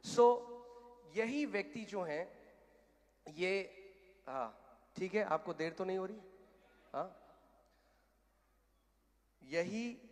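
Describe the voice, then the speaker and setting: A male pastor telling a story in a sermon, emphatic and loud on the big declarations. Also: on the high side. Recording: reverberant hall.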